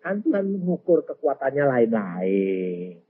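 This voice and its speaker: Husky animated older Javanese preacher. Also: male voice, medium pitch, a little slow. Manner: lively, acts out dialogue, swings from loud exclamations to soft asides. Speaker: evangelist preacher. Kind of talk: storytelling sermon. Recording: dull lo-fi sermon recording.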